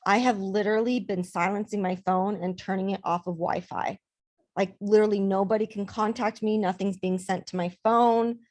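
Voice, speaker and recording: A woman's voice: mid-range voice, steady tone, moderate pace, darkish tone. A woman life coach talking casually to camera in her vlog, emphatic and repeating words for stress.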